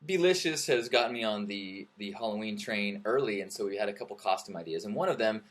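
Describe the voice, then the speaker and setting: A man's voice: on the low side, animated, quick pace. A man hosting a live webcam stream, chatting casually in a rambling, joking way, often restarting his sentences. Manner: rambling, joking, self-correcting. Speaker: livestream host. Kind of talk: casual livestream chat.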